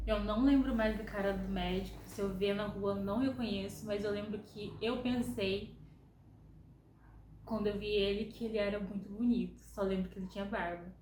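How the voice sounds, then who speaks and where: A woman's voice: mid-range voice, echoey room, slight background noise, rough recording. A young Brazilian woman telling a personal story in a chatty way, acting out the lines of people she quotes. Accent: Brazilian Portuguese. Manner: relaxed, chatty, acts out quotes. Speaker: vlogger.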